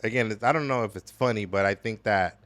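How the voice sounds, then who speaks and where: A man from El Salvador, a podcast guest, talking reflectively about his upbringing with many pauses and fillers. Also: on the low side, fairly bright tone, no echo. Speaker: podcast guest, business owner. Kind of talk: casual conversational interview. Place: gallery space.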